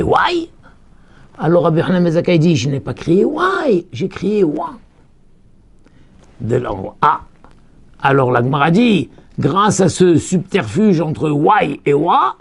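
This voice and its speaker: A man teaching as a rabbi, telling a story with lively delivery and acted-out cries. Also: creaky, slightly rough. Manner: animated storytelling, acting out cries with sudden high shouts. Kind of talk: Torah lesson.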